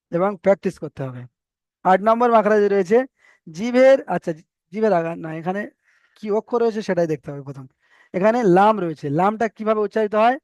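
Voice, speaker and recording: A man's voice: sits high, darkish tone, dry recording. A man teaching a recitation lesson, patiently explaining and repeating sounds for students to drill. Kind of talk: online tajweed lesson.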